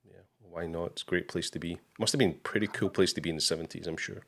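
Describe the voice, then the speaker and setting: A man hosting a live interview show with a very low, deep voice. He talks casually, reading out viewer comments and greeting people, with relaxed "uh"s and "um"s between them. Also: fast, creaky. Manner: casual, reads viewer comments aloud with fillers. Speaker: host.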